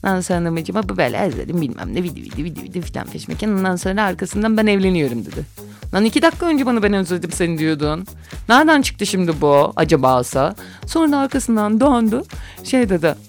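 A woman's voice: fairly low pitch, very animated, quick pace, vocal fry, soft background music. A woman in her forties chatting casually and gossipily on her own show, often dropping into whispered asides. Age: 40s.

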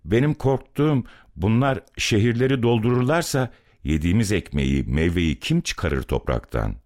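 A man's voice: fairly low pitch, lively intonation, normal speed, darkish tone, pitched above the performer's own voice, close to an everyday voice. A man voicing a pompous, grumbling middle-aged mustached city man, in a dramatic story reading. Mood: defensive.

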